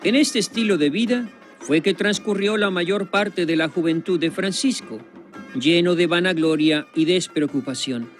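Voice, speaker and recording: A man with a fairly high voice narrates a documentary in a solemn, measured way, pausing for weight. Clear plucked guitar music plays under his studio voice-over. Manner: solemn, measured, with dramatic pauses.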